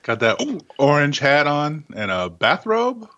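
A man's voice: a little high, wildly swooping pitch, measured pace, bright, forceful tone, highs cut off. A man co-hosting a podcast in casual chat, teasing playfully with short remarks. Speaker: podcast co-host.

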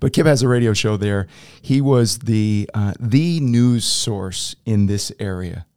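A middle-aged man who works as a TV news anchor, talking as a podcast guest in a measured broadcaster's way with a few filler pauses. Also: lowish voice, darkish tone, clean tone, no echo, studio quality. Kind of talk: casual interview.

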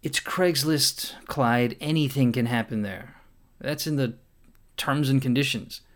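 A man's voice: medium pitch, unhurried, close to an everyday voice. A man playing a callous, nagging vampire housemate in scripted comic dialogue. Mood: bossy, exasperated. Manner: nagging, blunt.

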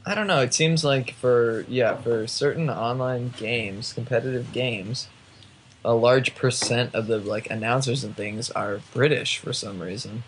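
Male co-host, average pitch, dry joking banter, faint background hum. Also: unhurried, poor audio. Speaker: podcast co-host. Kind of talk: casual chat.

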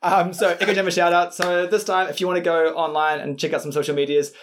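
A podcast co-host in casual chat, relaxed and rambling with many fillers. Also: medium pitch, quick pace, a little hiss or hum.

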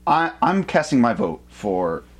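A man's voice: medium pitch, sing-song, a little slow, slightly rough. A man co-hosting a podcast in casual banter, hedging and thinking aloud as he goes. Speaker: podcast co-host.

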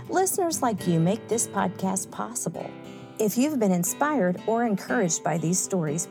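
Woman host narrating over soft guitar. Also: medium pitch, vocal fry. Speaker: podcast host. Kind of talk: scripted narration. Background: soft guitar music.

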